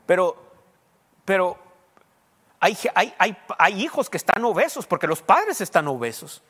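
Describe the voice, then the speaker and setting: A pastor preaches in a loose, conversational way, then pushes up into emphatic questions. His voice sits high for a man. The sound carries the long reverb of a large church hall. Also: big pitch swings, unhurried, a bit bright, slightly rough. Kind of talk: sermon.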